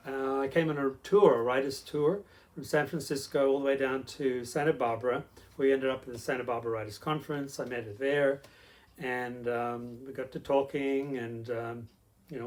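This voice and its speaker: A middle-aged man with an Australian accent, an interview guest telling his story in a rambling way with many fillers. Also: mid-range voice. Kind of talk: casual conversational storytelling.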